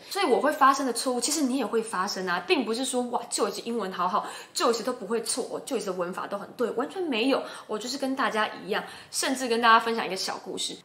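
A woman's voice: fairly high pitch, pushed and bright. A woman from Taiwan with a Taiwanese Mandarin accent, talking casually and emphatically to camera as a YouTuber and English host. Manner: emphatic, chatty, encouraging. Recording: roomy echo.

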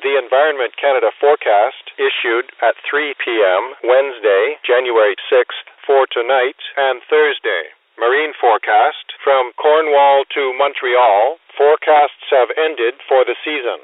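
A man's voice on a marine weather radio broadcast, reading forecasts and station reports in a steady, clipped way. The sound is narrow and phone-like, like a small VHF receiver. It is dry, with no room around it. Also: medium pitch, measured pace, hardly any pauses, no echo. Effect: marine weather radio broadcast heard through a VHF receiver.

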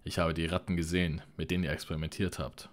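Audiobook role: a fiery young sorceress, voiced by a man, sharp and indignant. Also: very deep voice, normal speed. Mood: outraged. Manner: sharp, outraged delivery.

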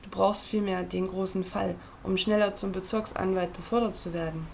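Gravelly-voiced woman reading a book aloud. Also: mid-range voice, fairly even intonation, a little mellow, slight background noise. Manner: measured, earnest address to the listener. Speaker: reader.

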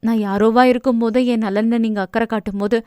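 A shy young woman who speaks her mind politely and earnestly, as a woman reads her. Her higher voice is recorded close and dry. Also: steady tone, quick pace, mellow, clean tone, dry recording, natural voice.

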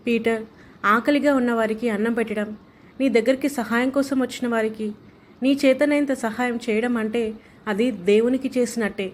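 A woman's voice: fairly high pitch, fairly even intonation, a little fast, close to an everyday voice. A woman playing a devout mother scolding her grown son with earnest, preachy warnings, in an amateur short drama. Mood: stern preaching.

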